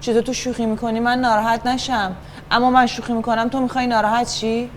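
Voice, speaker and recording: A woman's voice: fairly high pitch, level tone, slight background noise, close to an everyday voice. A woman playing a stubborn, unapologetic brother who teases and argues back in an improvised acting scene. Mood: defiant. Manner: taunting, stubborn back-and-forth. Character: defiant teasing brother, unapologetic.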